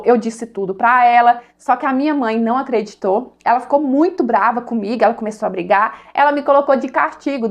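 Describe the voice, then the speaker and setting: A woman with a slightly high voice narrates a personal story in a confiding, chatty tone. She keeps a conversational flow, often pausing to check in with her listener. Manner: confiding, conversational, tags with "sabe?".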